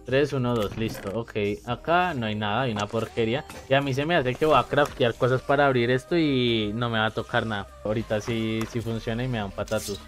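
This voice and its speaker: A man giving chatty, excitable let's-play commentary and talking straight to his viewers. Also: medium pitch, fairly quick, few pauses, soft background music. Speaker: gamer.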